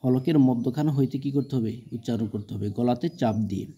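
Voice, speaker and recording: A man teaching Quran reading, sounding out each syllable slowly and repeating it in a recitation lesson. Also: medium pitch, warm tone, slightly rough, dull audio.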